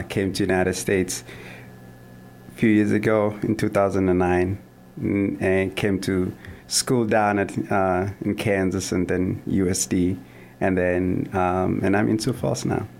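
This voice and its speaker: A man answers interview questions in a studio, picking his words with frequent pauses and restarts. His voice sits low and carries a gravelly fry. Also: flat delivery, a little mellow. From Kenya. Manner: hesitant, many fillers and restarts. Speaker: guest, runner and coach. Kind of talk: casual interview talk.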